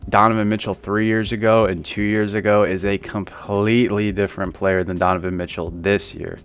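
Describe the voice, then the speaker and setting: A man's voice: fairly low pitch, flat delivery, normal speed, clear, resonant tone. A man hosting a sports commentary channel, talking through viewer takes in a rambling, conversational way with lots of fillers. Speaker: basketball commentary channel host.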